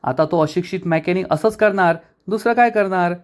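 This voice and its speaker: A sharp-tongued college friend in a serial recap, blunt and scornful, voiced by a male narrator. She sounds high and brisk. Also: close to an everyday voice.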